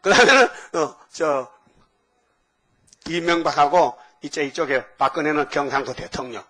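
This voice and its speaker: An older pastor with a slightly high, husky voice preaches a sermon in a folksy manner, firing quick questions at the congregation. He reads scripture slowly and loudly and occasionally acts out a drill instructor's commands.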